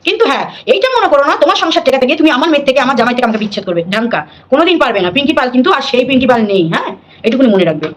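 A woman's voice: high-pitched, big pitch swings, very fast. A middle-aged woman, hosting a live stream, scolding and defiant, repeating her points.

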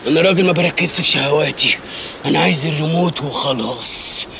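A man's voice: on the high side, quick pace, vocal fry, a crowd in the background. An actor playing an exasperated Egyptian man who blusters comically while hunting for the remote. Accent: Egyptian Arabic. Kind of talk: comedy film acting.

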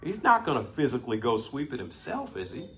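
A middle-aged man teaching a Bible lesson to a group, conversational, with restarts, lively emphasis and laughs. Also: mid-range voice, brisk, slight background noise.

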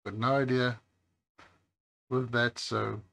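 At his workbench next to a highway, a phone repair YouTuber with a low, gravelly voice talks slowly to camera while he works. He sounds relaxed and hesitates often.

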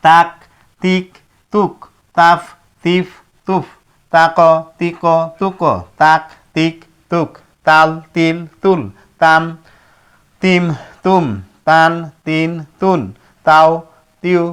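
A man with a Bangladeshi Bengali accent leads a Quran reading lesson, sounding out each syllable in turn with pauses between them. His delivery is very slow and deliberate. His voice is smooth and crisply clear. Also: a little high, level tone, a bit bright. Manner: chants Arabic letter-vowel syllables one by one, pausing between. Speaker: Quran teacher.

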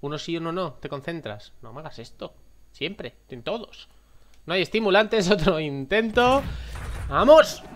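A man with a Spain accent giving playful, casual commentary as he opens game loot chests, coaxing the viewer to concentrate and bursting out excitedly. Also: on the high side, normal speed, slight background noise. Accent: Spanish from Spain. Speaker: gaming content creator.

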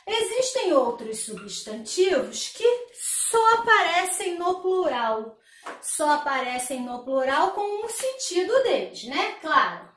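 A woman's voice: very high voice, sing-song, takes it slowly, fairly bright tone, recorded from a distance, a little hiss or hum. A woman teaching a grammar lesson, explaining step by step and asking the class rhetorical questions. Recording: echoey room, voice a bit off-mic.

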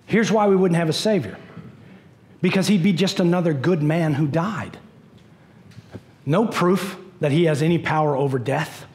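A middle-aged man preaching a sermon as pastor, animated, pacing a church stage. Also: a little high, moderate pace, long pauses. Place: church stage in a large dim hall.

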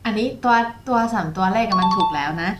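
Patient woman teacher over loud music. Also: mid-range voice, lively intonation, brisk. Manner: patient, explains step by step. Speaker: language teacher. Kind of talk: explaining pronunciation. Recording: loud music playing underneath.

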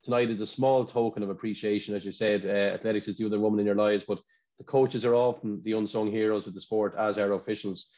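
Over a video call with dull, lo-fi audio, an Irish man hosts an awards ceremony, chatting freely and repeating words while he searches for them. His voice is fairly low, fast, and mellow, with fairly even intonation.

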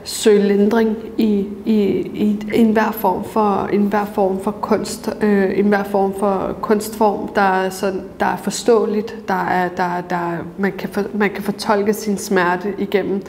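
A woman's voice: medium pitch, flat delivery, a little mellow. A woman in her thirties talks earnestly and reflectively, stopping often to find her words. Her mid-range voice is picked up on a lapel mic. A long reverb from the large museum gallery hangs behind her, along with a faint hiss. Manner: earnest, thoughtful, with many pauses and fillers. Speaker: author and debater. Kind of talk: reflective interview.

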